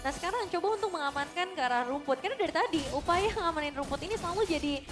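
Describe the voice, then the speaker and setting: Female game commentator, high-voiced and analytical, over a music bed. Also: expressive, rapid-fire. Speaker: esports commentator.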